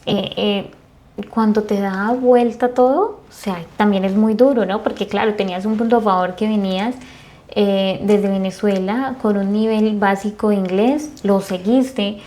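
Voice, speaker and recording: A woman's voice: mid-range voice, steady tone, normal speed, dark tone. Colombian lady hosting an interview, chatty, keeps echoing her guest and asking more. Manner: chatty, echoes the guest and asks follow-up questions. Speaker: host. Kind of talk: conversational interview.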